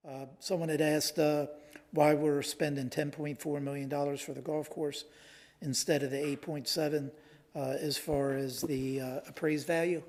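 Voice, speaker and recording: A man serving as a city council member, explaining local matters at a public meeting in a halting, measured way. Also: a little high, little pitch movement, darkish tone.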